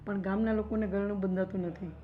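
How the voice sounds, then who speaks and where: A woman acting as a wife who gently offers to leave home so her husband is spared gossip. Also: medium pitch, steady tone, fast talker, close to an everyday voice. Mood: gentle. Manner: soft, self-blaming, gentle. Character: older wife who feels she burdens her young husband. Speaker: wife in a family drama. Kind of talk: Gujarati short-film acting. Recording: dull lo-fi sound with faint noise.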